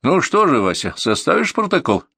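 Man reading as a stern investigator, clipped orders, gravelly, dry close sound. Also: a little high, sing-song, moderate pace, pushed and bright, dry recording, pitched above the performer's own voice, full character voice. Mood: calm command. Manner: curt, commanding orders. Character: stern, composed male police investigator.

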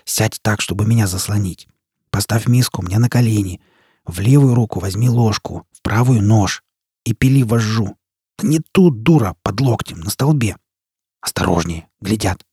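A man's voice: a little fast, darkish tone, breathy edge, no echo, clean studio sound. A man voicing a cunning male prisoner who hisses urgent orders under his breath. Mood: hissing. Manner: hissing, low, urgent.

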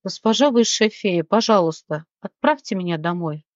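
A woman's voice: lowish voice, animated, normal speed, no echo, highs cut off, natural voice. A woman voicing a miserable young woman who begs tearfully to be sent home, in an audiobook. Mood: pleading. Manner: tearful begging.

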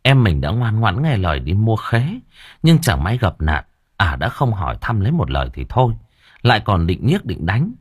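A man narrating an audiobook story in an expressive, lively way. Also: on the low side, normal speed, slightly rough, no echo, studio quality.

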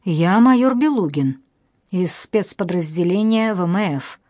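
A woman's voice: fairly low pitch, animated, unhurried, a little mellow, no echo, studio quality. A woman reading the part of a stern, curt middle-aged male navy major in an audiobook. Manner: curt, official.

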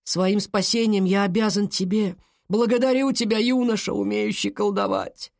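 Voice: medium pitch, animated, normal speed, gravelly, a little mellow, no echo, clean studio sound, pitched above the performer's own voice. A storybook narrator voicing a boy magical being just freed from an enchanted ball, formal and grateful in speech. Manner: weak then grateful, formal.

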